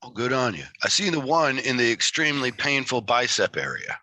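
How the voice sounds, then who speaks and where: A man's voice: mid-range voice, sing-song, fairly quick, pushed and bright, no echo. A man with a Michigan Great Lakes accent hosting a casual interview in a rambling, self-deprecating way. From Michigan, United States. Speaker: interview host.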